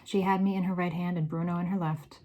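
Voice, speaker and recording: A woman reading a children's novel aloud in an expressive, varied storytelling manner. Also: fairly low pitch, quick pace, poor audio. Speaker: read-aloud narrator.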